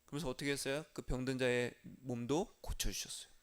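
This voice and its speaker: A male pastor preaching a sermon earnestly, moving between hushed intimate passages and raised urgent appeals, acting out quoted prayers in his own voice. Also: medium pitch, steady tone, fast, clear, resonant tone.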